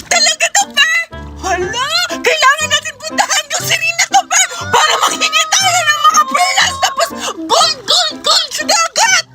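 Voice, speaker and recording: A woman's voice: very high-pitched, measured pace. A woman voicing a gushing cartoon little girl. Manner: gushing, whiny. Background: background music.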